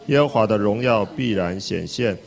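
A man reading scripture aloud in a steady, measured recitation. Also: fairly low pitch, creaky.

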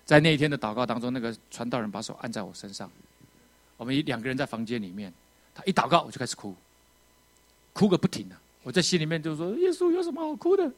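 A man preaching a testimony, telling his story with strong feeling, rising to loud outbursts and dropping to quiet moments. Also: medium pitch, fast talker. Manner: emotional, animated storytelling with sudden loud outbursts and quiet drops. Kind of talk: sermon testimony.

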